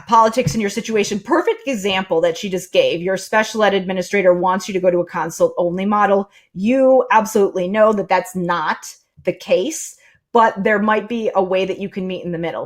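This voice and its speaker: Casual woman host thinking aloud. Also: medium pitch. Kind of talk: live stream talk.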